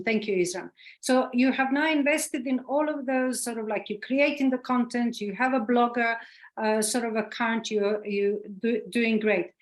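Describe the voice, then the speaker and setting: A woman answering audience questions in an online marketing workshop, chatty and encouraging, with many fillers. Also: a little high. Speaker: workshop expert. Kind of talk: webinar Q&A.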